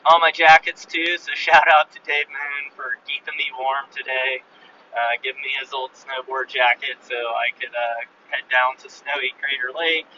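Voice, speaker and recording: A man with a hard, sharp-edged voice gives a relaxed road-trip update. He talks in a flat, even tone and rambles with lots of fillers. He recorded it on a phone held a little away, so it sounds muffled and a little distant, with faint vehicle noise behind him. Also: mid-range voice, moderate pace. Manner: loose and rambling, with many fillers. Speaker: podcast host. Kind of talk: casual spoken road journal update.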